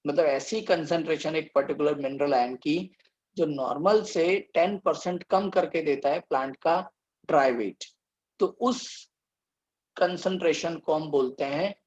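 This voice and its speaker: A man teaching a biology lecture, reading slide lines out slowly and then explaining them step by step. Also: fairly high pitch, muffled recording.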